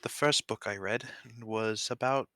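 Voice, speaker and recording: A man's voice: fairly low pitch, unhurried, a bit bright, clean tone, no room sound, studio quality. A man voicing an eager, bookish young male spellcaster in a tabletop game, polite and earnest.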